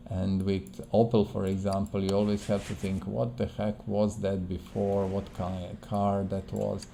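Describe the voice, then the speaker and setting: A non-native English speaker hosts a gaming video, narrating a playthrough casually and hesitantly, searching for words and repeating himself. His low voice is gravelly and mellow, level in tone and measured in pace, with slight background noise.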